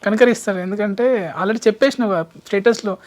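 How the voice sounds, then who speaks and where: A woman's voice: medium pitch, fast talker, darkish tone. A woman interviewing a guest, soothing and encouraging, with frequent hums of agreement.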